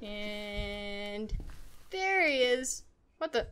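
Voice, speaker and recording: A woman's voice: sits high, lively intonation, normal speed, fairly bright tone. A young woman casually playing a horror game, reading its text aloud and cursing when the controls frustrate her. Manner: chatty, swears when frustrated. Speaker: gaming video creator. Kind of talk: casual let's-play commentary.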